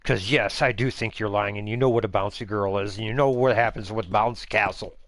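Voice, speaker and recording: A man's voice: fairly low pitch, steady tone, fairly quick, fairly bright tone. A man hosting a gaming channel, chatting casually while playing, rambling with sarcastic teasing.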